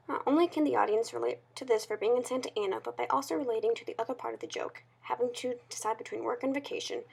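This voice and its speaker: A woman's voice: on the high side, creaky, breathy edge. A woman reading a scripted review aloud, as a presenter who now and then stumbles over the written words. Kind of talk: scripted narration read aloud.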